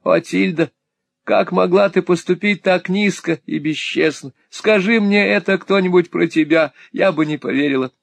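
A man voicing a sulky, jealous young woman, shrill, petulant and tearful, in a storybook reading. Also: normal speed, gravelly, no echo.

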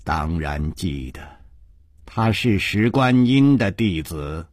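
A man's voice: animated, no room sound, studio quality, heavily acted. A man voicing a cold, menacing sect mistress. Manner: low, slow, menacing delivery. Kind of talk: traditional storytelling broadcast.

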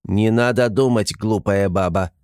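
A man voicing a small, simple-hearted male creature who talks in an excitable, touchy way, reading an audiobook. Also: no echo, studio quality, lightly acted. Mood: offended. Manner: squeaky, excitable, quick to take offense.

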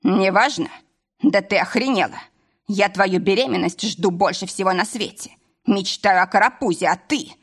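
A woman reading an audiobook, voicing a drunk, jealous but loving husband who talks bluntly and roughly. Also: medium pitch, moderate pace. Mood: indignant. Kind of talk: audiobook character voice.

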